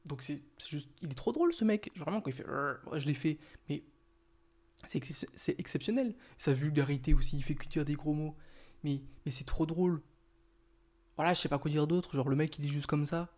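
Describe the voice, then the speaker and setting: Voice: medium pitch, a little fast, darkish tone. A young adult video reviewer talking in a casual, playful, slangy way.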